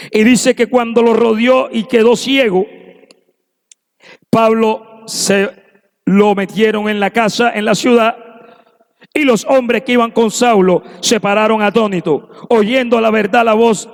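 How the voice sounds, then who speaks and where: A man preaching a sermon in a church, fervent and acting out the voices he quotes. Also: sits high. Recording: long echo of a church hall.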